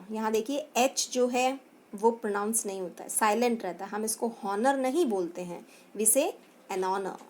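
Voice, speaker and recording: A woman's voice: a little high, slight background noise. A woman teacher with an Indian accent giving a grammar lesson, mixing Hindi and English and spelling words out letter by letter. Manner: mixes Hindi and English, addresses pupils as beta. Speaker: school teacher.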